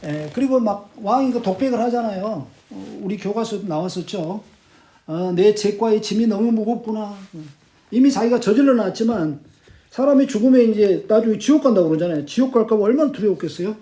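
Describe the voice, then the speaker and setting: A man teaching literature, retelling a play's plot in animated storytelling and acting out the quotes. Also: high-pitched, fairly quick.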